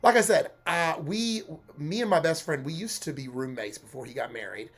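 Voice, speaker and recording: A congested young man streaming a video game, chatting casually, laughing often and filling pauses with "uh". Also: a little high. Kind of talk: casual let's-play stream chat.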